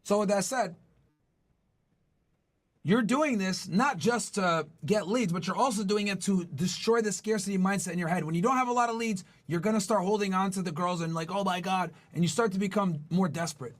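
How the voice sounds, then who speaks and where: A man's voice: high voice, a little fast. A man hosting a podcast, giving blunt, profane dating advice in an emphatic lecturing manner. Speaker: podcast host.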